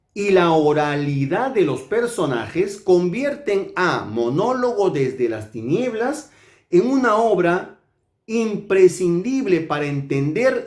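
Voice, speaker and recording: A man from Peru, a literature teacher, reviewing a book in a slow, measured and deliberate way. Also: fairly high pitch, roomy sound.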